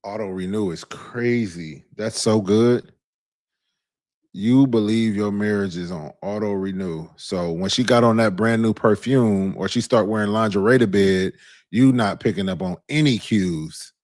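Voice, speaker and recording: A man's voice: on the low side, measured pace, darkish tone, no echo, studio quality. A man co-hosting a casual relationship podcast, talking in an emphatic way with strong affirmations. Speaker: podcast co-host.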